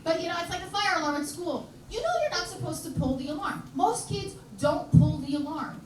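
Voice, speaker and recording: Doing stand-up in a live club, a woman speaks in an extremely high, brisk voice, brash and chatty as she teases the crowd. The echoey room is heard from a distance, with slight background noise and audience laughter.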